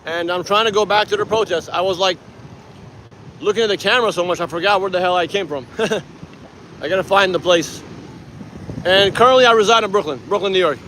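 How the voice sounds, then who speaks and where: Tired, rambling man in his 40s from Iran, vlogs outdoors; high, bright voice, faint traffic behind. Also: a little fast, pauses often. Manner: rambling, animated, laughs often. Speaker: activist vlogger. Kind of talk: casual vlog to camera. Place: city street outdoors.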